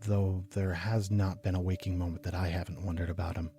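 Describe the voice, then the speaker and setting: A male actor with a deep, level voice plays a brooding, obsessive homicide detective recounting grim cases in a noir audio drama. His narration is clinical, deliberate and measured, with a haunted, brooding mood and slight background noise.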